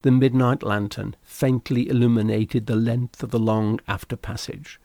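Brief: male narrator, measured storytelling, gravelly texture, dry close sound. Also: mid-range voice, little pitch movement, dark tone, no room sound. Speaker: audiobook narrator. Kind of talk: scripted narration of a classic sea novel.

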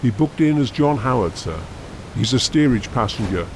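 A man's voice: medium pitch, lively intonation, moderate pace, noisy background, close to an everyday voice. A male audiobook narrator voicing a nervous, respectful ship's steward. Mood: reporting. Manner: respectful, trembling.

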